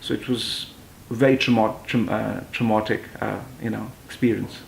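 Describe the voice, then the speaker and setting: A young man from London answers interview questions in a low, gravelly voice that barely rises or falls. He hesitates often and restarts his sentences. The sound is roomy, with a faint hiss of ambience behind him. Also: fairly even intonation, moderate pace. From London, England. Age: 20s. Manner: hesitant, many fillers and restarts. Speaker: pageant titleholder and model.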